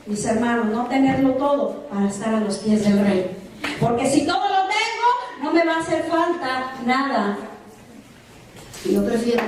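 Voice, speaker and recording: A woman's voice: high voice, a little mellow, slight background noise. A woman preaching a sermon in a large church, dramatic, often questioning her congregation. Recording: echoey church hall from far off.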